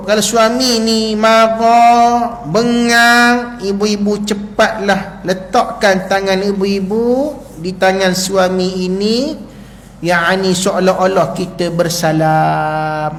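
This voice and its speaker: A Malaysian Malay man giving a mosque lecture as a religious teacher, lively and joking, acting out quarrels between husband and wife. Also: high-pitched, slight background noise. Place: prayer hall. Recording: echoey hall recording.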